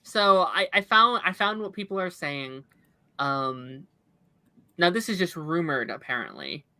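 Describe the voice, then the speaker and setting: A man's voice: a little high, very animated, unhurried, sharp tone. A man chatting casually on a livestream, passing along rumors with careful hedging.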